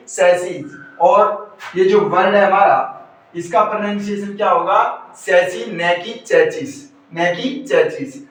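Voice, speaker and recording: A man's voice: high-pitched, a bit bright. A male teacher giving an exam-prep grammar lesson, repeatedly asking questions and answering them himself. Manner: repetitive call-and-answer questioning. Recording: very echoey room, far from mic.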